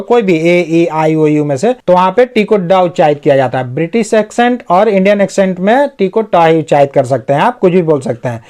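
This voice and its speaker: A man with a high voice teaches English to Hindi speakers. He reads each English sentence slowly, then explains it word by word. Along the way he lists synonyms and asks questions he answers himself. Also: a little mellow. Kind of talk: Hindi-medium English lesson.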